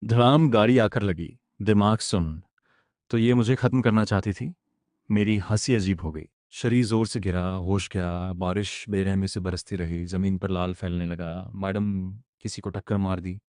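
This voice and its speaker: A man narrating a story recap in the first person, in a steady, even manner on a close voice-over mic. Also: low voice, measured pace, dry recording.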